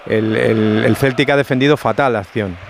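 A man's voice: mid-range voice, normal speed, vocal fry. A man with a Castilian Spanish accent analysing a live football match as a radio pundit, emphatic and critical. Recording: faint outdoor stadium noise.

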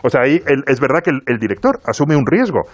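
A man's voice: mid-range voice, very animated, fast, muffled recording. A man with a Spanish accent debating on a radio panel, pushing his point with many repeats and restarts. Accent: Spain Spanish. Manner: repeats words, frequent restarts. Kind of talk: heated roundtable debate.

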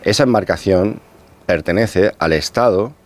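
Low-voiced male expert guest, radio interview, steady explainer. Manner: measured, patient explaining with pauses. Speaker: underwater archaeologist, interview guest.

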